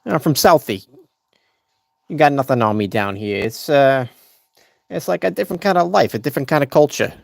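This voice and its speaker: A man's voice: mid-range voice, animated, brisk, gravelly, long pauses, no room sound, clean studio sound, voice pushed up. A man voicing a brash, swaggering working-class guy with a Boston accent. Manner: swaggering, profane. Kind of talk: playful impression on a live stream.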